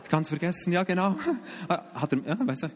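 A middle-aged man from Switzerland, a pastor preaching a sermon and telling personal stories with lively jumps in pitch. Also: brisk, long reverb tail. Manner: animated storytelling with sudden pitch jumps and asides.

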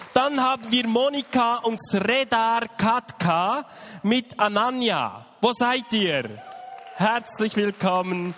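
A pastor speaks to his congregation in a high, light voice. He talks in a relaxed, chatty way, full of small fillers. His voice carries a long reverb from the church hall. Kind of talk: sermon welcome to congregation.

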